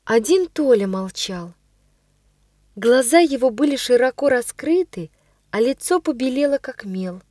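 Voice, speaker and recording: A woman narrating a story aloud in an expressive, dramatic way. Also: fairly high pitch, a little slow, no room sound, studio quality. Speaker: audiobook reader.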